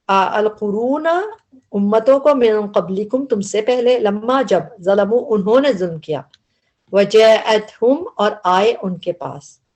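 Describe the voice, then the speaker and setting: A woman's voice: mid-range voice, a little mellow. A woman with an Urdu accent teaching a word-by-word translation lesson, explaining grammar patiently and repeating each word.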